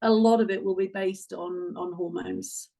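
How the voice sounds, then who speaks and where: A woman in her sixties from England, with an English accent, appears as a guest physiotherapist and hormone expert, explaining things conversationally. Her mid-range voice is gravelly and dark in tone, with fairly even intonation at a normal speed.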